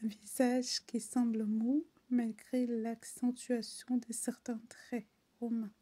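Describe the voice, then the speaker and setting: A woman softly reading dictionary entries aloud, often slipping into an unvoiced whisper, word by word and unhurried. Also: on the high side, flat delivery.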